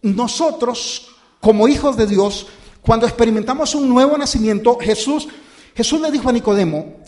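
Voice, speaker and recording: A male pastor born outside the United States delivers an informal, conversational sermon, addressing the congregation as brothers and as "usted." He halts often, with many fillers, pauses and restarts. His voice is extremely high and somewhat dark, with lively intonation.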